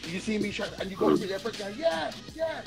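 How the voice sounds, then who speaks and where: A man talks very quickly as a podcast host. His chat is casual, slangy and repetitive. Music plays clearly behind him. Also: sits high, flat delivery. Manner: repeats himself, urban British slang.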